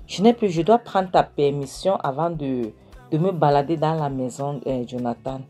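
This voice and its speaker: A woman voicing a defiant wife in a retold film, scolding her husband and demanding he understands, in a low dark voice. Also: normal speed, faint music behind. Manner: scolding, repeats "est-ce que tu as compris?".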